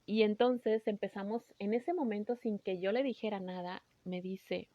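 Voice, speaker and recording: Woman, storyteller, earnest and halting, mid pitch, dull dry sound. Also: steady tone, no room sound. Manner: earnest, emotional, halting with restarts. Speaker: spiritual healer recounting a session. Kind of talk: personal storytelling.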